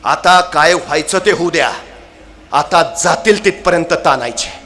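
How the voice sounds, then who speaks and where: A woman voicing an exasperated middle-aged Mughal general who scolds his troops in a lowered, gruff voice. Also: a little slow, fairly bright tone. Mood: stern.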